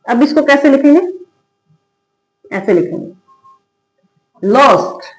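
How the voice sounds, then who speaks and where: A woman teaching English phonics as a lesson. She asks questions and answers them herself, and repeats example words slowly. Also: high voice, lively intonation. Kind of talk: classroom-style phonics lesson. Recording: echoey room.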